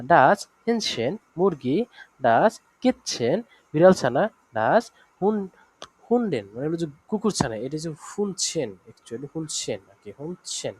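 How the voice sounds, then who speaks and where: A man teaching an online language lesson, running through word examples slowly with fillers and check-ins. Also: fairly high pitch, a little mellow, breathy edge, no echo.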